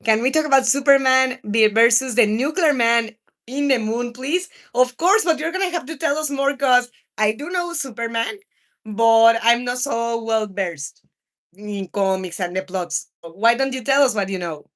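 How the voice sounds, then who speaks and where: A Mexican woman in her thirties, a native Spanish speaker with a Mexican accent, chats casually with viewers while livestreaming video games. Her voice is on the high side and fairly bright, at a moderate pace.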